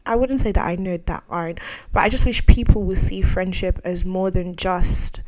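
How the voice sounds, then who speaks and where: A woman's voice: fairly low pitch, measured pace. Young woman podcast host, frank and rambling monologue, laughs easily. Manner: candid, rambling, laughs often.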